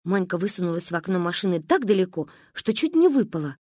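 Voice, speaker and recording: Woman reading a lively storybook. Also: lowish voice, fast, no room sound, studio quality. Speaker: audiobook reader. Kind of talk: storybook narration.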